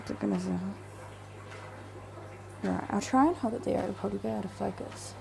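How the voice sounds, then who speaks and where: Here a New Zealand woman vlogs about fishkeeping, walking through her home fish room with a handheld camera. Her medium-pitched, gravelly voice moves fairly quickly as she chats and rambles with plenty of ums and restarts, and the recording is rough.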